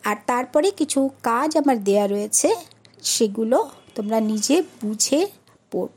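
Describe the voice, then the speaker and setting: A woman's voice: on the high side, expressive, measured pace, darkish tone, slightly rough. A woman teacher, spelling out words letter by letter for children and then giving each word in English. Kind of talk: slow spelling lesson for children.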